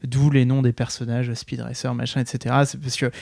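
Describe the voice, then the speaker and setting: A French-speaking man leads a relaxed film chat, stopping often to search for the next word. His voice sits at a middle pitch. The sound is dry and close. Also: a little fast, vocal fry, dry recording. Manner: hesitant, many fillers and restarts. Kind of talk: casual film discussion.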